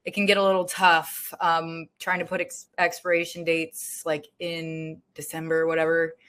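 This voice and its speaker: A woman's voice: deep voice, monotone, normal speed, fairly bright tone. A woman hosting a casual interview, upbeat and affirming, asking follow-up questions. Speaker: interview host.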